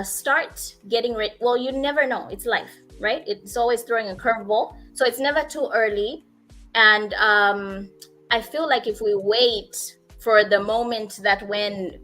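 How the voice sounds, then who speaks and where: Bright-voiced, halting woman panelist. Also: medium pitch, low-quality recording. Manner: thoughtful, halting, many fillers. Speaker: panel co-host. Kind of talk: casual panel chat.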